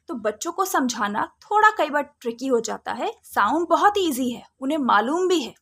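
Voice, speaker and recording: A woman giving a phonics lesson to parents, drawing out and sounding out letters slowly. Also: high voice, a bit bright. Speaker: phonics teacher.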